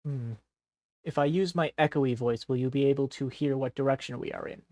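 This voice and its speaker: A man's voice: mid-range voice, brisk, a little mellow, no room sound. A man streaming a game, chatting casually and explaining things patiently in simple steps. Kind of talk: casual gameplay chat.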